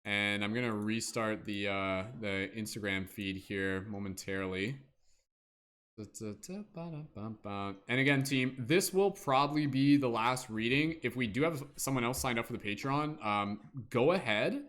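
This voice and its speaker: A man's voice: medium pitch, moderate pace, few pauses, fairly bright tone. A man hosting a casual livestream as a tarot reader, chatty and upbeat, humming and scatting to himself between remarks. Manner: chatty, upbeat, hums and scats to himself while waiting. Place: in Canada.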